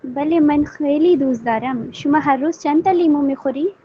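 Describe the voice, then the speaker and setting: Female student, high mellow voice, lo-fi noisy line. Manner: asks simple questions slowly. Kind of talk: classroom practice dialogue. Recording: lo-fi with faint noise.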